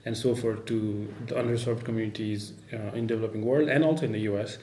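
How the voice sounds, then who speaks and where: Measured man from Nepal, echoey room. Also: on the low side, steady tone, warm tone. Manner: measured, with many "uh" fillers. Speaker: guest, startup founder. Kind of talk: casual interview. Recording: echoey room, faint background noise.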